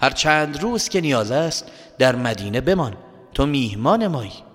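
A man voicing a gentle, generous grown man figure who welcomes a guest in a children's story. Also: mid-range voice, big-room sound. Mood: kindly. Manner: calm, gentle. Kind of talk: storybook character voice.

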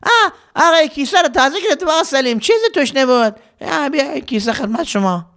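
A man voicing a timid young male servant who speaks in a squeaky, fawning, hurried way. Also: lively intonation, fairly bright tone, exaggerated voice. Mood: pleading.

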